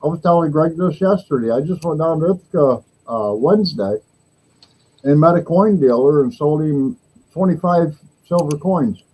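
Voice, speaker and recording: Mellow-voiced man in his sixties. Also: fairly high pitch, normal speed, slightly rough, low-quality recording. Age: 60s. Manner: relaxed, rambling storyteller who laughs easily. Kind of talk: casual chat.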